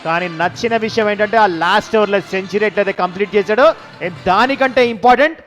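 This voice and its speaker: A man's voice: sits high, quick pace, a bit bright. A man giving cricket commentary, summing up play and scores as an analyst. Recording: dull lo-fi broadcast sound with music. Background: music.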